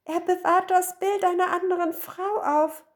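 A woman voicing a jealous young wife in a storybook tale, with a high, wailing voice. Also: fairly even intonation, unhurried. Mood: tearful, indignant.

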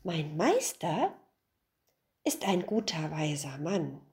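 A woman's voice: deep voice, very animated, slow pace, a little mellow, full character voice. A woman voicing a greedy, hungry young boy who eagerly talks himself into things in a storybook tale. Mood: scheming. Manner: eager, self-justifying.

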